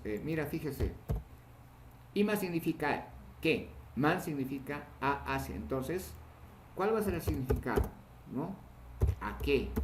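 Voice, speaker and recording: Guy teaching a class, keeps repeating stuff and going "ya?", roomy echo, faint hum behind. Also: mid-range voice. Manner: patient, repeats words and asks "¿no?", "¿ya?". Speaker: language teacher. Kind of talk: online class lecture. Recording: echoey room with faint ambient noise.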